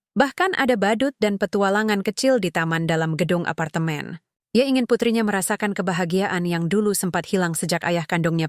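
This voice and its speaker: A woman reading a scripted first-person story in a calm, measured way, in short phrases. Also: on the low side, no room sound, studio quality.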